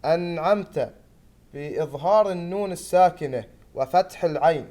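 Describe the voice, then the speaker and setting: A man with a Gulf Arabic accent teaching Quran recitation, slowly contrasting correct and wrong pronunciations and chanting the verses. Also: on the high side, dark tone. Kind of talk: tajweed lesson with chanted recitation.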